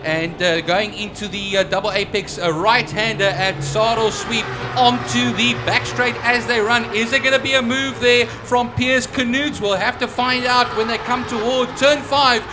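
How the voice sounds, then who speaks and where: A man's voice: extremely high pitch, steady tone, normal speed, few pauses. A man commentating live on a motorsport race, calling positions, corners and timings. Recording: clear motorcycle noise behind voice. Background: vehicle noise.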